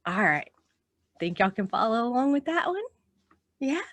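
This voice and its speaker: Very animated and fairly high-pitched, a woman with an American accent runs a children's storytime at normal speed, reading aloud and leading action songs. The recording has no echo, and she speaks directly to the kids with encouraging questions and praise.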